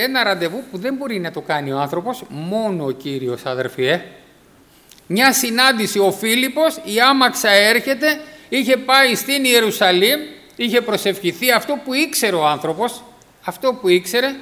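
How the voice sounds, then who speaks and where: A man's voice: high voice, bright, forceful tone. A man preaching a sermon, emphatic, repeating key phrases and acting out the voices in his stories. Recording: echoey hall.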